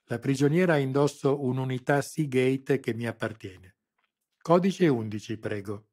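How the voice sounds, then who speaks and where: A man's voice: mid-range voice, normal speed, darkish tone, husky, close to an everyday voice. A man voicing a cruel military colonel who gives cold, sneering orders. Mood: cold, mocking. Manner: cold, commanding, mocking.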